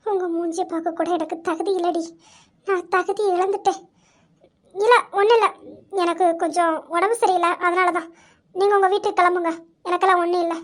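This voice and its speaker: A woman voicing a young woman in an amateur audio drama, halting and self-blaming in her grief. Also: very high-pitched, steady tone. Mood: withdrawn. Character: young woman, ashamed and despairing after betrayal.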